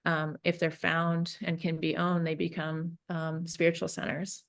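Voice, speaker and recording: A woman from Northern California, a peacemaker and facilitator, talking through her thoughts in an interview with many pauses and restarts. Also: sits low, monotone, gravelly. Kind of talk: reflective interview talk.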